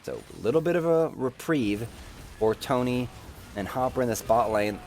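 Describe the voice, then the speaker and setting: Excitable male esports play-by-play caster. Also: mid-range voice, a little hiss or hum. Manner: rapid play-by-play, jokey banter, rises excitedly in big moments. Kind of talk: live game commentary.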